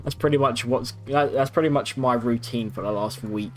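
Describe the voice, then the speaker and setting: A man's voice: mid-range voice, moderate pace. Rambling young man streaming, music behind. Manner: rambling, sweary. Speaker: game streamer. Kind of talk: casual livestream gaming chat. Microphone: streaming microphone at a PC.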